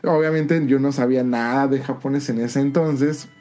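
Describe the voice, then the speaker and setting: A man's voice: medium pitch, fairly even intonation, normal speed, mellow, soft background music. A man with a Mexican accent telling a long personal story in casual podcast chat, in a colloquial, rambling way.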